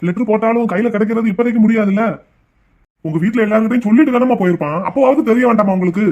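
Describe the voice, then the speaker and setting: A man's voice: sits high, racing, darkish tone, highs cut off. A man voicing a meek, fretful tea shop owner in a cartoon, talking in a pleading way. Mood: worried. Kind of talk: cartoon voice acting.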